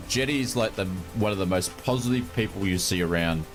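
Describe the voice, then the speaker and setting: A man's voice: on the low side, fairly quick, music in the background. A man with a broad Australian accent chatting casually and matily to viewers as a livestream host, informal and given to exclamations. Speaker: live streamer, host.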